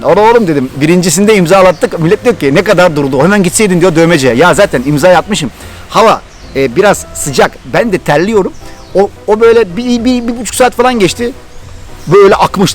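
A middle-aged vlogger from Turkey with a Thracian accent tells his audience a story, talking fast with eager excitement and animation. His voice is a little high, and faint music plays in the background.

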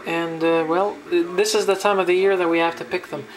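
A little fast and high-voiced, a Canadian home cook from New Brunswick chats loosely in his kitchen for a casual cooking vlog, often restarting and using fillers. The handheld camera delivers low-quality audio.

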